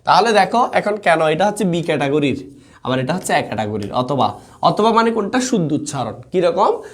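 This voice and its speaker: A man's voice: a little high, big pitch swings, brisk. A young man teaching a live online exam-prep class in an informal, chatty way, reading out student comments and checking in with the students often.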